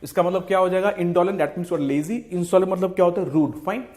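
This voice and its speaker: A man's voice: sits high, fairly quick, darkish tone. A man with an Indian English accent teaching exam vocabulary. He switches between Hindi and English, repeats each key word and answer, and keeps saying "fine" and "okay" between points. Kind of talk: exam-prep vocabulary lesson.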